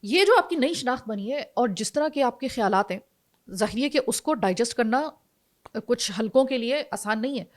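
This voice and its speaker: Female podcast host from Pakistan, probing questions, hesitant fillers, slightly high-pitched. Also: expressive.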